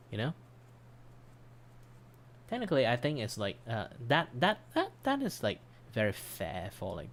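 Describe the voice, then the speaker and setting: A man who streams and takes art commissions chats casually on a livestream, rambling and poking fun at himself while his voice begins to give out. His voice is fairly low. Background music plays under him, with slight background noise.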